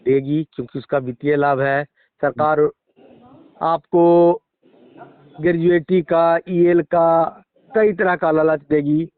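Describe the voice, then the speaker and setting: A middle-aged schoolteacher with a Bihari accent argues his position emphatically and formally in a phone interview. His voice is a little high and steady, slow with frequent pauses, and clean with no echo, though the phone line is narrow and tinny.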